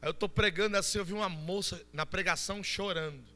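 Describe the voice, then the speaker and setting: A man with a Brazilian Portuguese accent preaching a Pentecostal sermon, shouting fervently and then dropping to soft storytelling. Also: sits high, quick pace, long reverb tail. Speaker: pastor. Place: church.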